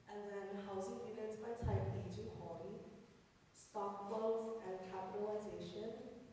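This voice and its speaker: A woman student presents her research to the class, listing points with occasional fillers. Her voice is mellow and sits far from the mic. A long classroom reverb and a faint hiss surround her. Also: medium pitch, fairly even intonation, measured pace. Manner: reads a list of topics, hesitant with fillers.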